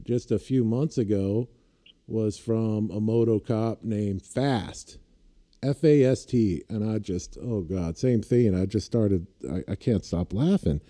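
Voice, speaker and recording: A man's voice: lowish voice, dark tone. A man chatting casually, rambling through anecdotes and laughing at his own stories. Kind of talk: casual chat.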